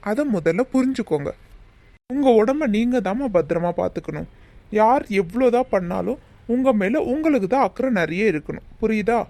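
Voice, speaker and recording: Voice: mid-range voice, darkish tone, dry recording, natural voice. A voice actor playing a patient doctor in a cartoon, advising a patient on her health. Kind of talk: cartoon voice acting.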